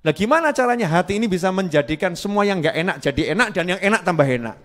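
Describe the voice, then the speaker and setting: A man delivers a sermon in a high voice, posing questions to the crowd and answering them himself. He repeats his key words and slips into chanted Arabic phrases. The sound rings with the long echo of a hall. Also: expressive, fast talker, a bit bright. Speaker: preacher.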